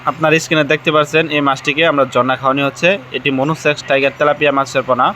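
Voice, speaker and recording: A man pitching fish fry for sale in a fast, repetitive salesman's way, outdoors at a fish farm. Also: steady tone, heavy background noise.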